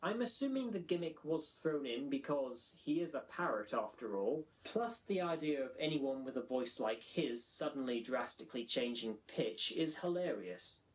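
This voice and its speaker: A man's voice: medium pitch, lively intonation, moderate pace, few pauses, low-quality recording. A man delivering scripted comedic review narration in a wry, sarcastic, wordy manner. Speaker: video essay narrator.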